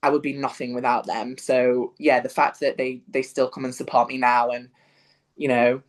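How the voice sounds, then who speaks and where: A young Yorkshire man, a musical theatre performer, speaks at normal speed in a medium-pitched voice with little pitch movement. He has a Northern English accent and chats casually as an interview guest, full of fillers and restarts.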